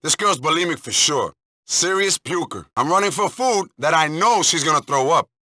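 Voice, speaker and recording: Sarcastic, cursing club manager, bright, somewhat high voice, streetwise. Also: male voice, expressive, moderate pace, no echo, clean studio sound. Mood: sarcastic, irritated. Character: sarcastic, foul-mouthed male club manager. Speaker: nightclub manager running errands. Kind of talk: video game voice acting.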